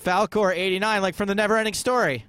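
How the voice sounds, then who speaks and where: A man's voice: high voice, fairly even intonation, bright, forceful tone, clean tone. A man hosting a poker radio show, chatting casually and cracking jokes between announcements. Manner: joking, quick banter.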